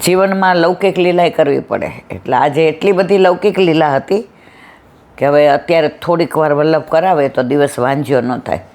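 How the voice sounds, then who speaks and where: A woman's voice: deep voice, moderate pace, darkish tone. A middle-aged woman giving a devotional satsang talk, telling stories and acting out both sides of conversations. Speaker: satsang speaker.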